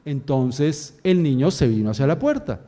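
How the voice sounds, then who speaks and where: A man, a pastor giving a sermon as an animated storyteller who acts out scenes. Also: on the high side, normal speed.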